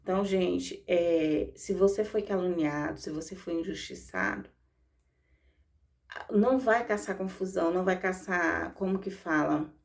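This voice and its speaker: Fervent gravelly Brazilian woman preaching. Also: fairly low pitch, unhurried. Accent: Brazilian Portuguese. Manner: fervent, repetitive, addresses listeners as "gente". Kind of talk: devotional exhortation.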